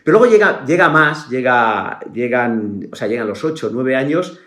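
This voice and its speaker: A middle-aged man from Spain with a Spanish accent, a podcast guest in casual conversation who talks haltingly with many restarts and filler tags. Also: medium pitch, expressive, a bit bright. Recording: roomy echo.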